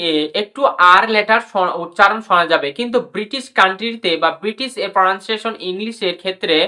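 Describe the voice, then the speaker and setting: Her voice mid-range, bright and forceful, a woman runs a classroom lesson on English pronunciation, repeating each rule while spelling letters and drilling words. She speaks to viewers as brother and sister.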